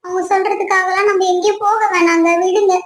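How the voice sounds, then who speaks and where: A woman's voice: very high-pitched, fairly even intonation, brisk, soft background music. A woman playing a young wife in a home skit, teasing her husband and turning to sing-song wailing when upset. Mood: pleading. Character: young wife, teasing, quick to tearful complaint. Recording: echoey room.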